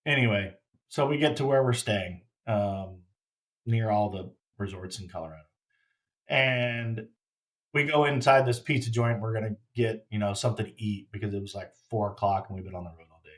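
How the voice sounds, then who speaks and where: A middle-aged man telling a personal story in a casual, halting way, often repeating words and restarting as he reflects. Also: on the low side. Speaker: grieving father telling his story.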